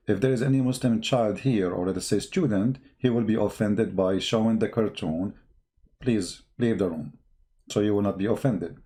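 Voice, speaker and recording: In a lowish, dark-toned voice, a man whose first language is not English offers impassioned, unscripted news commentary in English. He's emphatic and repetitive, piling on rhetorical questions.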